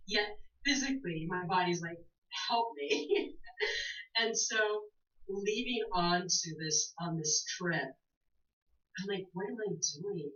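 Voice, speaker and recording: A woman in her forties, a guest on a talk show, speaking in an animated way, laughing often and telling stories with emphasis. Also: mid-range voice. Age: 40s. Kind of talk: casual interview chat. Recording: muffled, roomy sound from a distant mic.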